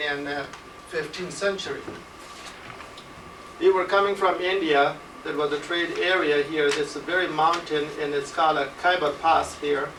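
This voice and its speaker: A man in his forties with an Afghan accent, a physician giving a formal lecture in a halting way, with many pauses and fillers. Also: on the high side. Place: auditorium at a medical center. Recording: echoey hall recorded from far off, noisy.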